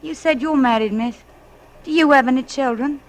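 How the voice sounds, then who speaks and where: In an old 1940s radio drama, an actress with a high voice plays a weary, fussy, working-class English widowed mother who is deferential and folksy. She speaks at normal speed and sounds wistful and tired, over poor audio with slight background noise.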